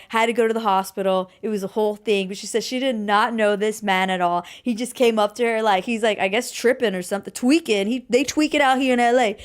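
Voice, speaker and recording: A young adult woman co-hosting a podcast, telling a story in casual chat with lively delivery and sudden loud exclamations. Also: a little high. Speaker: podcast co-host.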